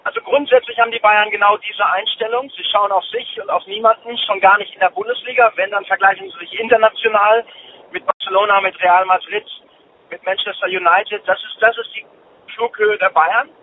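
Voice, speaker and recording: A man's voice: high-pitched, steady tone, a little fast, sharp tone, a little hiss or hum, rough recording. A man giving an interview as a football expert, explaining confidently. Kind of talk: interview answers.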